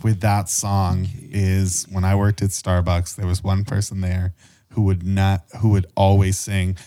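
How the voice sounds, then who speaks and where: A man's voice: low-pitched, monotone, a little slow, mellow. A young man co-hosting a casual podcast with friends, laughing often and restarting his sentences. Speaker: podcast co-host. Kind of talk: casual chat among friends.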